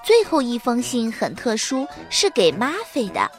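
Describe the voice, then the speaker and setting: A woman narrating a children's storybook in an expressive, storytelling way. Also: on the high side, normal speed, soft background music.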